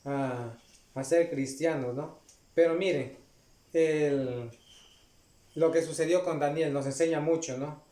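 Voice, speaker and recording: A man's voice: on the high side, steady tone, warm tone. A man preaching a Bible study, reading passages aloud and checking in with his listeners as he goes. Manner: frequent "¿no?" and "ya" tags, unhurried. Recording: echoey room.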